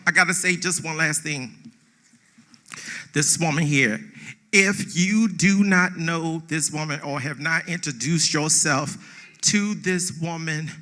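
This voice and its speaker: Accepting a theatre award on stage, a man speaks with raw emotion and no script, hammering home his points by repeating phrases. His slightly high voice is bright and forceful, and he talks a little slowly.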